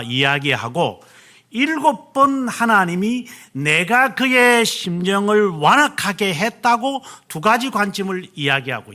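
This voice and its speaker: A middle-aged male pastor preaching a sermon, stressing key words slowly and answering himself with "yes". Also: on the high side, bright, forceful tone.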